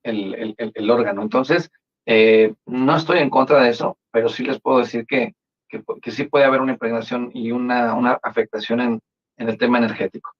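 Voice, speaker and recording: A man's voice: mid-range voice, steady tone, fairly quick. A man speaking as a guest in a live-stream discussion, hesitant and repeating words as he thinks, over a video call. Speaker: panel guest. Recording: dull lo-fi video call audio.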